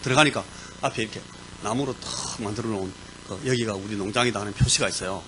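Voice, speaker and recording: A man preaching as a pastor, telling a personal story with lively sound words and sudden bursts of emphasis. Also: on the low side, fast talker, background noise. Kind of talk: sermon storytelling. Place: church.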